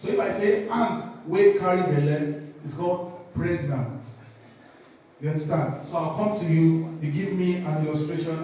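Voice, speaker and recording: A man's voice: a little high, mellow, slight background noise. A man with a West African accent playfully hosting a live word game, mixing English with Pidgin phrases and prompting the audience. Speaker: event host leading an audience word game. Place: echoing conference hall. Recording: very echoey hall, distant microphone.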